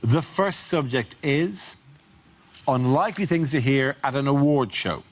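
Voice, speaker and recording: A man's voice: mid-range voice, lively intonation, measured pace. A man hosting a comedy panel show, telling stories in a wry way.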